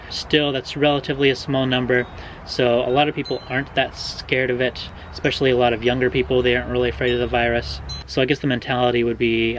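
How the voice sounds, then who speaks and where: A man's voice: medium pitch, low-quality recording. American vlogger, easygoing man. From Oregon, USA. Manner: relaxed, hedging, many ums and uhs. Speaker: vlogger answering viewer questions. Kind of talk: casual explanatory vlog. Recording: faint background noise.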